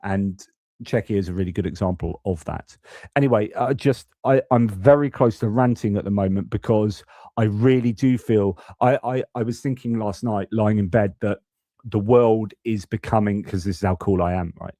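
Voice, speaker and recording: A young man from the United Kingdom hosts a live news stream, ranting casually about politics and frequently restarting sentences with stammered repeats. His voice is fairly low and dark at a moderate pace, recorded dry with clean studio sound.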